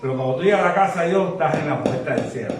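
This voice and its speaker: A man's voice: on the high side, racing. A man from Cuba, a visiting pastor, giving a fervent testimony and exhortation to a congregation in a church. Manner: fervent, rising to shouted exhortation. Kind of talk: preaching testimony. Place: church sanctuary. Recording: echoey church hall, far from mic.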